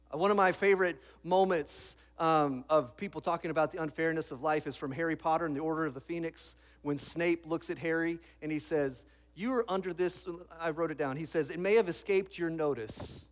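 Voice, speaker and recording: A man preaching a sermon, telling stories in a casual way with frequent restarts. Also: high voice. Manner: casual storytelling with repeated restarts. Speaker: pastor.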